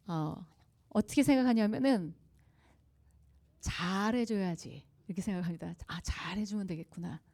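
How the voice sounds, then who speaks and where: With a warm, medium-pitched voice, a woman speaks as a guest at a church revival meeting before the congregation. Her lecture is conversational: she tells anecdotes, questions the audience, and laughs often.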